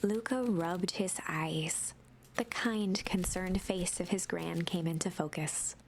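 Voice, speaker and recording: A woman reading a game's narration aloud in a plain, even storybook way. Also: lowish voice, slow, vocal fry.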